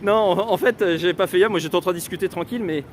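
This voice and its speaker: A talkative man with a southern French accent streams live as he walks through city streets, cracking jokes and laughing between remarks. His voice sits a little high for a man, with faint traffic and street noise around him. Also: quick pace. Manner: chatty, laughs often, joking asides. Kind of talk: casual walking live stream.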